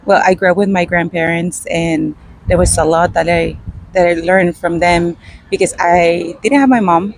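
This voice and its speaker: A woman from Guatemala, interviewed outdoors in front of a restaurant, answering in a halting, hesitant way with many pauses and fillers. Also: fairly low pitch, steady tone, creaky, low-quality recording. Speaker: interview guest. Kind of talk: unscripted street interview.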